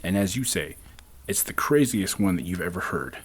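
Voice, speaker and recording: A man's voice: sits low, very animated, moderate pace, husky. A man from the southwestern United States hosting a podcast in a conversational urban legend teller manner. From southwestern United States, Navajo Nation. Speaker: podcast host.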